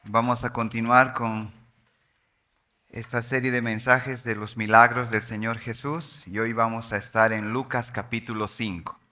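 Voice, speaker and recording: A male pastor reads scripture aloud during a sermon, his voice bright and forward. He takes his time, lingering on the key phrases with slow, solemn weight. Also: medium pitch, level tone. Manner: measured, solemn reading with slow emphatic pauses.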